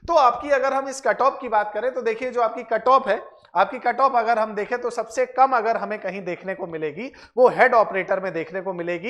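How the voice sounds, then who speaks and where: Explaining material to students at a moderate pace, this exam-prep teacher and channel host has a medium, somewhat bright voice. Points get repeated, and short tag questions check that everyone's following.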